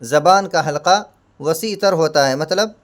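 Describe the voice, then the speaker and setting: A man teaching an exam-prep lesson. He asks himself questions, answers them, and repeats key points with Hindi and English equivalents. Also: on the high side. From India. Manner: explains each term with Hindi and English equivalents.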